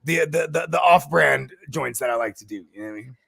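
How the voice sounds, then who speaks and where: A man co-hosting a casual live stream, rambling through animated stories, swearing and often adding "you know what I mean". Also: medium pitch, fast talker, vocal fry, husky, dry recording, clean studio sound. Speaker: co-host, league commissioner.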